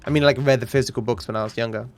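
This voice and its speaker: A man with a cultivated Australian accent close to British, chatting casually and rambling with deadpan humor as he hosts a gaming stream. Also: medium pitch, very fast. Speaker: livestream host, speedrunner. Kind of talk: casual chat while gaming. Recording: music behind the voice. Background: music.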